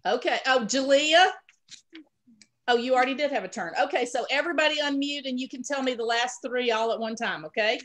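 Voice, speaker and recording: A woman's voice: sits high, fairly quick, fairly bright tone. A woman teaching an online pre-K class, giving patient, encouraging prompts over a video call.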